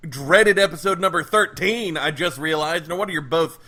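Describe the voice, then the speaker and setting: A man hosting a casual wrestling podcast, upbeat and jokey with quick asides. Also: on the high side, pushed and bright. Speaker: podcast host and critic.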